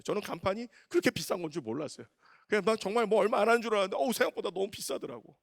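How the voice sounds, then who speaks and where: A man in his thirties preaching, telling a personal story with animated, emotional delivery and acted quotes. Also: high-pitched, creaky, dry recording, studio quality. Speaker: pastor. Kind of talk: storytelling sermon.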